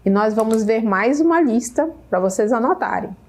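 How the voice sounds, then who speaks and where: A woman teacher with a Brazilian Portuguese accent explains English vocabulary slowly, repeating each word and checking in with "né?". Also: a little high, lively intonation. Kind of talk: slow, careful classroom explanation. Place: state school media center studio.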